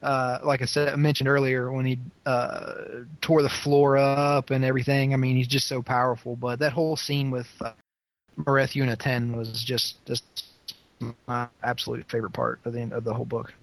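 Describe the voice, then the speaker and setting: A man's voice: medium pitch, level tone, moderate pace, no room sound, poor audio. Hesitant man with a dry, close sound. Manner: hesitant, full of fillers. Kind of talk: casual book discussion.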